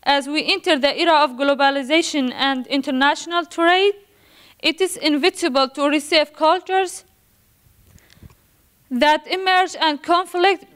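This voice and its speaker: With a high-pitched, fairly bright voice, a young woman from Iraq reads a student presentation in formal academic language. She sounds nervous, pausing haltingly and often going back to restart words she has fumbled.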